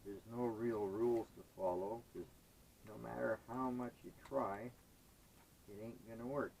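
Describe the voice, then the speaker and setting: A man's voice: mid-range voice, fairly even intonation, measured pace, creaky, darkish tone, slight background noise, poor audio. A man, chatting casually and rambling with hesitant fillers while he sorts scrap metal. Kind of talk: casual chat while working.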